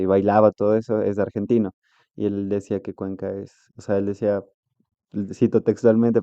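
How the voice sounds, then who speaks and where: A man's voice: fairly low pitch, smooth, dry recording, lo-fi sound. A man hosting an interview podcast, asking rambling questions and backing up his guest with frequent "ujú". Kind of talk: casual interview talk.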